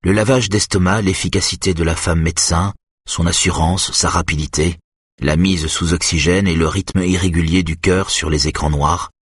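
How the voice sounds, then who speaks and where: A man reading a suspense novel aloud in measured, even narration. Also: low-pitched, slightly rough, no echo, studio quality. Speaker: audiobook narrator. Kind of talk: scripted narration.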